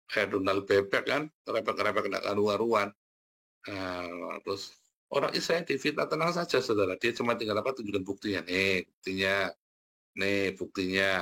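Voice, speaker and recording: A man preaching a sermon as pastor, animated and laughing, talking directly to his listeners. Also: lowish voice. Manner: animated, laughing, talks to the congregation as "saudara".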